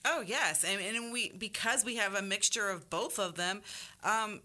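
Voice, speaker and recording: A woman talks reflectively as a partner in a discussion. Her voice is bright and forceful, at an average pitch. She explains her ideas in loose, conversational phrases. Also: measured pace. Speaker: discussion guest or co-host.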